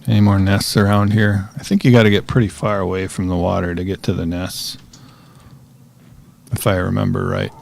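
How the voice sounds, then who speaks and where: Gravelly low-voiced man playing a game. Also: moderate pace. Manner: relaxed, chatty, talks to himself while playing. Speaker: gaming streamer. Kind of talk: casual gameplay commentary.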